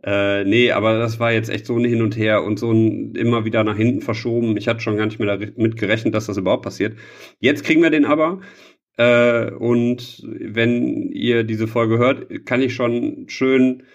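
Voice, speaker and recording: In casual banter among friends, a man co-hosting a podcast rambles and jokes at his own expense. He speaks at normal speed in a gravelly, mid-range voice with fairly even intonation, captured in dull lo-fi sound.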